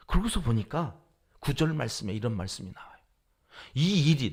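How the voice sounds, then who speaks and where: A man preaching a dawn service sermon as pastor, reading scripture and shifting between loud exclamations and hushed, whispered lines. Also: mid-range voice, breathy edge.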